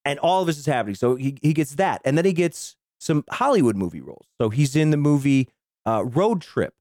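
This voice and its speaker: A man hosting a casual film podcast, telling the story in an animated way with swearing and laughs. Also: fairly high pitch, fairly quick, no echo, studio quality. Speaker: podcast host.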